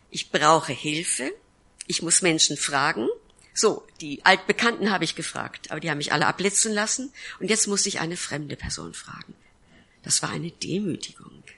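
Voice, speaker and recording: A woman pastor telling a personal testimony from the pulpit, her voice low-pitched yet bright and forceful. She tells her story earnestly and acts out the quoted lines of the people in it, in a church. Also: creaky, breathy edge. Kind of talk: sermon testimony.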